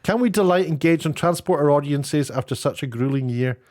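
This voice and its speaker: A British man doing YouTube commentary speaks in a fairly high, darkish voice at a slightly quick pace. He's casual and opinionated, mocking and sarcastic, with an incredulous, exasperated edge.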